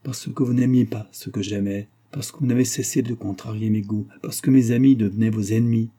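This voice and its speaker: A man reading the lines of a remorseful young wife who pleads softly with her husband. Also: lowish voice, fairly even intonation, a little fast, close to an everyday voice. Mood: pleading.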